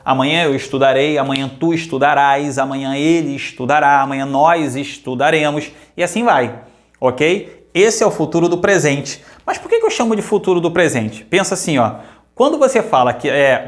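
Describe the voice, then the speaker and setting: A man with a Brazilian Portuguese accent teaching a grammar lesson, lively and repeating examples slowly while checking in with questions. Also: fairly high pitch.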